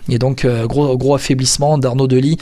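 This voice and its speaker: A man's voice: mid-range voice, level tone, fairly quick, mellow. A man hosting a podcast in casual chat, talking hesitantly with many fillers and restarts. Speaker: podcast host.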